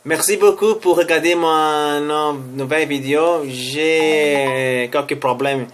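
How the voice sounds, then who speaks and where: A man's voice: on the high side, takes it slowly, slight background noise. A man speaking with a foreign accent as a non-native speaker, presenting a vlog and often searching for words and correcting himself. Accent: foreign accent in French. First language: not French. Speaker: online language teacher and video host. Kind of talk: news commentary vlog for language learners.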